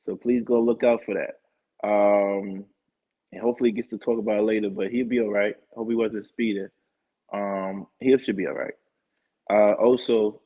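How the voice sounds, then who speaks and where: A man hosting his own live talk show, rambling through shout-outs and sponsor plugs in casual chat. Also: fairly low pitch, slightly rough. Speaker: show host. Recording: dull lo-fi stream audio.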